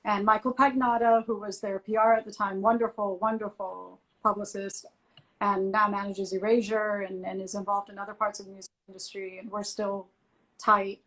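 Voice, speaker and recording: A woman, a music journalist, telling a lively anecdote as an interview guest on a video call and acting out both sides of the dialogue. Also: medium pitch, normal speed, rough recording. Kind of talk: casual storytelling on a live video chat. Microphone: phone or laptop on a video call.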